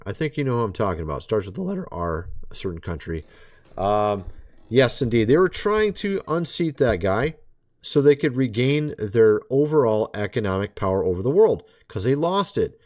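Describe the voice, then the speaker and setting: A man delivers a casual video monologue with a sarcastic, chatty edge. His pitch swings around a lot, with a middle-of-the-road pitch underneath. He talks straight at the audience like an old friend. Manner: sarcastic, chatty, keeps addressing listeners as folks. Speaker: vlogger.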